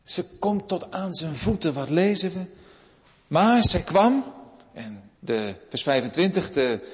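Pastor preaching, fairly high voice, earnest and at times hushed, long church echo. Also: male voice, sing-song, takes it slowly. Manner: earnest preaching, swelling and then dropping to near-hushed. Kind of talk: sermon. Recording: long reverb of a large church.

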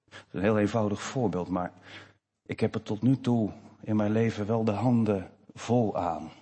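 A man preaching a sermon to his congregation in a church, slow and emphatic with expressive rises. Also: lowish voice, husky. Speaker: pastor. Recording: long church reverb.

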